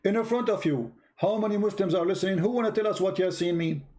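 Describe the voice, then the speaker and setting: A mellow-voiced man with a high pitch talks fast in an informal, argumentative live-stream monologue. As host and religious polemicist, he mocks and challenges, repeating phrases and firing rhetorical questions. His English shows non-native grammar.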